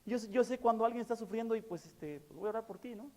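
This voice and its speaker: A man preaches in a fairly high voice, earnest and fond of repeating his key words. He leans on fillers between phrases. His sermon rings with the long reverb of a church hall. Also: fast talker, a little mellow. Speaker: pastor.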